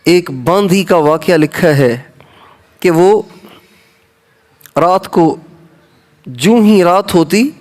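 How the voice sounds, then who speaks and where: A man's voice: sits high, long pauses, darkish tone. A male Islamic preacher with a Pakistani Urdu accent, giving an emphatic sermon to women and repeating his points for stress. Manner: repetitive, emphatic, rising for stress.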